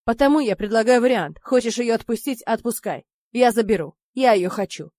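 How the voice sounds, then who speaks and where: A woman's voice: on the high side, brisk, no room sound, natural voice. A woman voicing a brash, crude, jeering man. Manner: loud, jeering, swearing. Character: brash crude foul-mouthed man, pushy and mocking.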